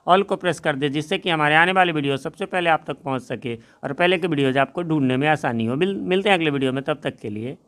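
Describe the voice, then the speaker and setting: A man teaching an English grammar lesson, reading example sentences slowly and often adding "है ना" to check in with students. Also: on the high side, a bit bright. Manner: slow, deliberate reading of example sentences, frequent tag question "है ना".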